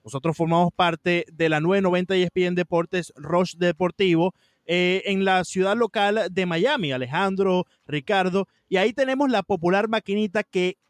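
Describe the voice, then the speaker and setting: A man's voice: sits high, no room sound, studio quality. A man co-hosting a sports podcast in casual chat, speaking Spanglish, mixing English words into his Spanish.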